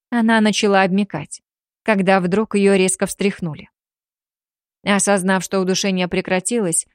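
A woman narrating a fantasy novel in an audiobook, in a steady, measured reading voice. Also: medium pitch, no room sound, studio quality.

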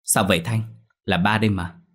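A caring middle-aged father soothes his child in a soft, low, reassuring voice, as a deep-voiced man reads him. It is a storybook ghost tale. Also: steady tone, a little fast. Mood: soothing.

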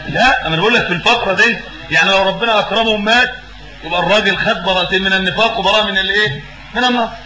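A man's voice: sits high, racing, reverberant, noisy background. A man with an Egyptian accent giving a religious lesson as a preacher. He asks questions and fills in the answers himself, and he repeats words for emphasis. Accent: Egyptian Arabic.

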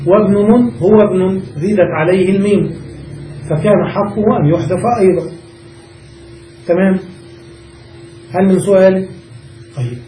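High-voiced man teaching grammar from far off. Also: warm tone. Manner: checks understanding with the class, repeats and restates points. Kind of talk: classroom lesson explaining a grammar text. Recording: roomy, distant mic, faint background noise.

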